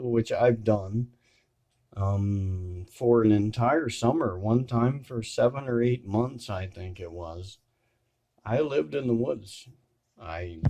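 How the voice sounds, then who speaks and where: Talking off the cuff to his viewers, this video creator has a lowish, mellow voice. His delivery is rambling and hesitant, full of repetitions and self-corrections, with a bit of blunt language thrown in.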